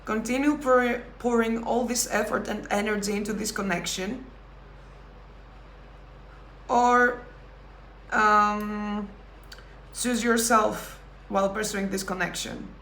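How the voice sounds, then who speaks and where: A woman giving a pick-a-card tarot reading, talking thoughtfully with pauses and self-corrections. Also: medium pitch, fairly even intonation, fairly bright tone, reverberant, a little hiss or hum. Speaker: tarot reader.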